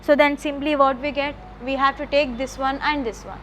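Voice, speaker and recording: A woman college math lecturer, dictating notes slowly and repeating phrases, often checking with the class. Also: high-pitched, fairly even intonation, fairly bright tone, slight background noise. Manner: repetitive, slow dictation with checking questions.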